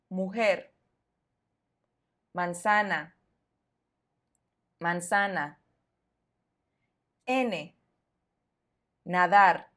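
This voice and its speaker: A woman's voice: on the low side, fairly bright tone. A woman with a Mexican accent, teaching Spanish pronunciation on a podcast and enunciating each word carefully before repeating it.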